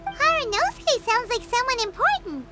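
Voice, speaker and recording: A woman voicing a tiny, excitable female fairy companion in a game who talks about herself in the third person. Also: normal speed, over loud music. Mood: chatty. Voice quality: high childlike squeaky voice. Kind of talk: video game cutscene dialogue.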